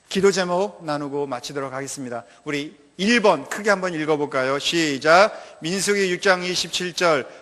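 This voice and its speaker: A man from North Jeolla Province preaching a sermon as a missionary, telling a personal story with lively humor. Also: fairly high pitch, big-room sound. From North Jeolla Province, Korea.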